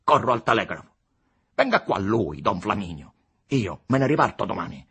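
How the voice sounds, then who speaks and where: A man voicing an agitated young male engineer who protests angrily and convulsively, with a husky voice. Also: fairly low pitch, animated, moderate pace, pushed and bright, pitched above the performer's own voice, exaggerated voice.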